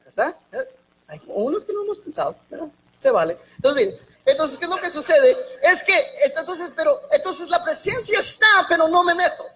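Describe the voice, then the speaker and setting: A woman preaching a sermon in a halting way, often repeating and restarting words, with joking asides. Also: very high-pitched, sing-song, a bit bright, slight background noise, rough recording.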